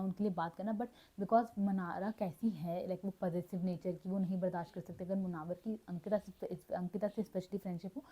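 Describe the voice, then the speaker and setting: A woman's voice: medium pitch, warm tone, breathy edge. A woman giving a casual, chatty recap as a vlogger, mixing Hindi and English and often correcting herself mid-sentence. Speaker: reality show recap vlogger. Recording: dull lo-fi audio.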